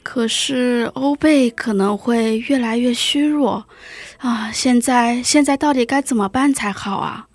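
Woman voicing an anxious storybook shopkeeper, high and hushed, urgent. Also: a little slow, no room sound. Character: anxious shopkeeping villager friend. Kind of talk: storybook reading.

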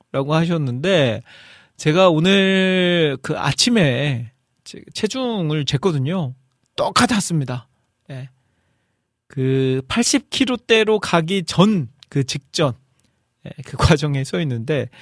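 Chatty middle-aged man hosting, dry close sound. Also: no room sound. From North Jeolla, South Korea. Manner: chatty and friendly, jumps up in pitch when reading out comments. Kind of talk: casual live show chat, reading listener messages.

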